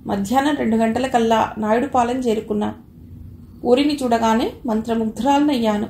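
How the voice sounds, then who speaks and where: A woman reads a first-person story aloud in a measured, expressive voice, somewhat high and with a gravelly edge. The recording sounds roomy, with a faint hiss underneath. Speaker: audio novel reader.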